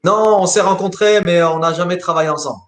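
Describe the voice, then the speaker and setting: A man, a sports coach, answering interview questions in a lively way, often repeating words as he thinks. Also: high voice, fast. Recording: roomy echo.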